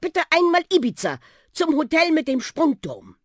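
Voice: mid-range voice, big pitch swings, moderate pace, slightly rough, no room sound, studio quality. A reader voicing a cheerful, bold young boy in a children's audiobook, eager and friendly. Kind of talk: audiobook role voice.

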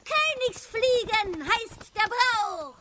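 A woman's voice: very high voice, lively intonation, extremely slow, pushed and bright, slight background noise, heavily acted. A woman voicing a boastful female crow who speaks in rhymes, in a children's radio play. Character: boastful rhyming female crow, proud flyer.

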